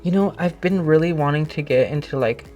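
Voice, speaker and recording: A man's voice: fairly high pitch, brisk, darkish tone. A man chatting casually as a guest, with informal, hesitant phrasing that often trails off. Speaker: producer being made up as guest. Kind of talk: casual chat. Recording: music playing behind.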